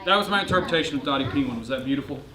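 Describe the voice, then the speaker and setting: A man with a mid-range voice reads a storybook to children very fast, playful and theatrical, often putting questions to them over a noisy crowd. He is a children's storyteller and church kids' ministry host, recorded in a noisy, echoey room with clicks.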